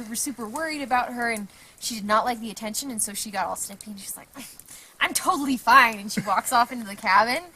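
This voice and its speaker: A woman telling a camping story in a relaxed, casual way, with fillers, outdoors at a winter campsite. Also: on the high side, slight background noise, low-quality recording. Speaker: host's wife.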